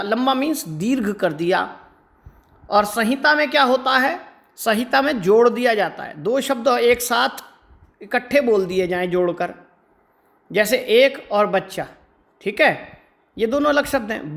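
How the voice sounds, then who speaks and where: A man's voice: extremely high pitch, gravelly, a bit bright. A man teaching an exam-prep lecture. He explains step by step and often checks in with rhetorical questions. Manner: stretches words slowly to demonstrate pronunciation. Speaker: Hindi teacher.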